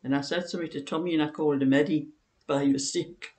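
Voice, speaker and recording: A woman's voice: low voice, steady tone, fast, darkish tone. A woman, chatting casually in a rambling, anecdotal way in her living room. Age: 60s. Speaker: knitting vlogger. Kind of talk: casual chat. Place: living room, seated on a sofa indoors.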